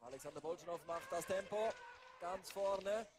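A man doing live race commentary, building to excited calls near the finish. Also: high voice, normal speed, noisy background. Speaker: sports commentator.

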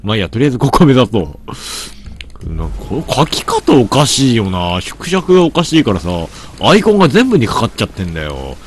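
A man's voice: medium pitch, big pitch swings, fairly quick, a little hiss or hum. Guy commentating a game, stuffy nose, grumbles and scolds stuff, voice bounces up and down a lot. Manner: grumbling to himself, mock-scolding game characters. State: stuffy nose from hay fever. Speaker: gameplay commentator. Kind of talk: gameplay commentary.

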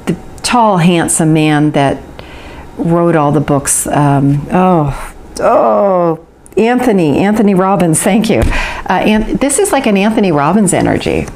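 A woman's voice: on the low side, expressive, measured pace, a little mellow, a little hiss or hum. A woman giving an intuitive tarot reading to the viewer, talking in a flowing, earnest way and drawing out words for emphasis. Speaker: tarot reader.

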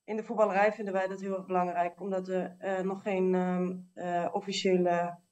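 A woman answers interview questions earnestly, pausing often as she talks. Her voice stays flat and even, and she sounds set back from the microphone. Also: lowish voice, highs cut off. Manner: earnest, halting. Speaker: guest, technical manager. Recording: voice distant from mic.

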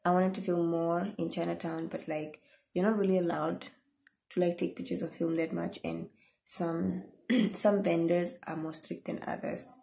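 A tired young woman from Namibia chatting to camera at the end of her vlog. Her voice is low-pitched and gravelly, with a mellow, dark tone. She rambles softly, with plenty of ums and yeahs. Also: fairly even intonation, normal speed. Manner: soft, rambling sign-off with many fillers. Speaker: vlogger. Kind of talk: casual chat to camera.

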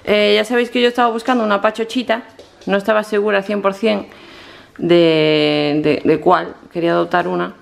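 A woman's voice: mid-range voice, steady tone, normal speed, gravelly. A woman from filming a casual home vlog, cooing and gushing in baby talk at her pets and child. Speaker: vlogger. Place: home living room.

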